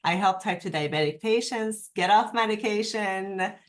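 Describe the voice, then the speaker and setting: A woman from Iran, a nurse and health coach talking as a podcast guest, earnest and quick to laugh. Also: medium pitch. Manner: warm, laughs easily, earnest. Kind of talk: podcast interview.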